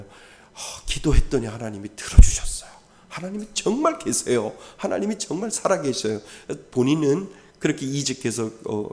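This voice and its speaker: A male pastor giving a sermon, acting out little quoted dialogues and swinging from loud emphasis to near whispers. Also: fairly low pitch. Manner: acts out parents and children in quoted voices, swings from loud to soft. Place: church sanctuary.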